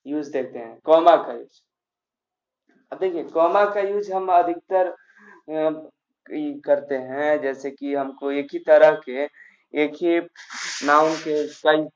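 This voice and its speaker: A man teaching a grammar class, walking through each point step by step, often pausing on fillers and starting over. His voice sits a little high. The recording sounds dull and lo-fi. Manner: explains step by step with frequent fillers and restarts.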